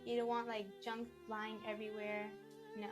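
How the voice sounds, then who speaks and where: Young girl, high voice, chatty interview answers, music playing clearly behind her. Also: completely flat delivery, normal speed.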